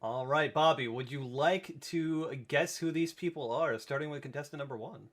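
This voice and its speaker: A man hosting an improv comedy game show, explaining rules quickly with fillers. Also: fairly high pitch, a bit bright.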